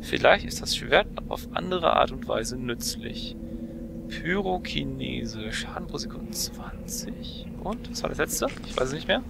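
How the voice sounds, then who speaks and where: Creaky-voiced young man commentating on a game. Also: medium pitch, sing-song, a little slow. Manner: musing, thinking aloud. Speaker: let's player. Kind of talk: casual gameplay commentary. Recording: clear background noise from game.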